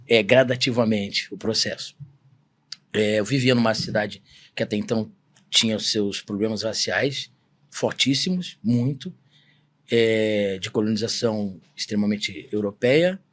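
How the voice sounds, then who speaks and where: A man in his forties from Brazil, a samba singer telling a personal story in a podcast interview, earnest and emphatic. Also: on the low side. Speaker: guest, samba singer-songwriter.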